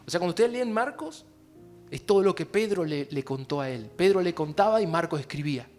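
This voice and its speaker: A man preaching a sermon in an Argentine Spanish accent, addressing the congregation directly and moving between hushed and loud, impassioned passages. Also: on the high side, animated, brisk, soft background music. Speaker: pastor.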